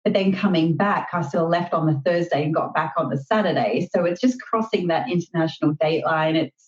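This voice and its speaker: A woman's voice: deep voice, brisk, dull audio. A woman with an Australian accent chatting casually and modestly as an interview guest. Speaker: podcast guest, astrologer.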